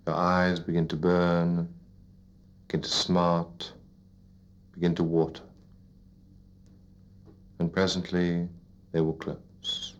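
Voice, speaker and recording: Deep, very slow male sleep-guidance narrator. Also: monotone. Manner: soothing, repetitive, deliberate phrasing with pauses. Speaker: hypnotist leading a relaxation induction. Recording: dull lo-fi recording.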